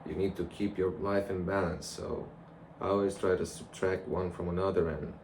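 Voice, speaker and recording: A man's voice: deep voice, level tone, normal speed, a little mellow. A young man rambling casually and reflectively to a camera, in a loose conversational monologue. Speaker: vlogger. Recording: clear background noise.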